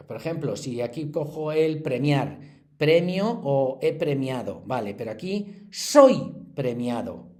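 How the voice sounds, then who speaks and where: A man's voice: medium pitch, expressive, a little slow, a little mellow. A man, teaching a lesson review and patiently reciting conjugation examples in a sing-song list.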